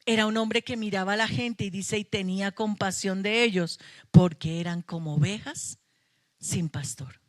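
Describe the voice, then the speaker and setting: A woman's voice: mid-range voice, moderate pace, no room sound, clean studio sound. Impassioned woman pastor preaching. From Colombia. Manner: impassioned, emphatic, with playful asides to the congregation. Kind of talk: sermon. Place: church sanctuary.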